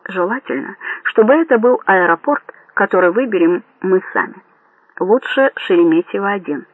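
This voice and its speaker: A man voicing a cautious male colonel who reasons slowly and deliberately. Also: high voice, lively intonation, dry recording, rough recording. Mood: thoughtful. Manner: slow, deliberate, reasoning aloud.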